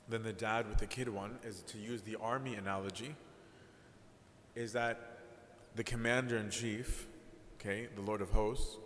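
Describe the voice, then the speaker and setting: Candid priest giving a talk in a hall. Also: male voice, fairly low pitch. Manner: candid, self-deprecating, keeps asking "right?". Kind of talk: conversational sermon talk. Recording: echoey hall, faint background noise.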